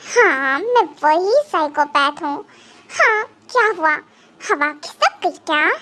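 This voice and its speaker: A woman's voice: high-pitched, lively intonation, takes it slowly, bright, forceful tone, full character voice. A woman voicing a menacing young male psychopath gang boss in a fan dub drama, taunting and threatening.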